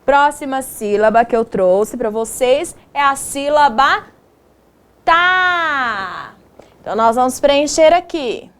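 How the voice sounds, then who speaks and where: A woman teacher giving a children's video lesson, stretching out syllables in a slow, sing-song way. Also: high-pitched, clear, resonant tone.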